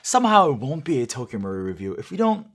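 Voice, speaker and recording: A man's voice: medium pitch, very animated, fast. A man presenting an airsoft product review in a chatty, jokey way, talking straight to his viewers.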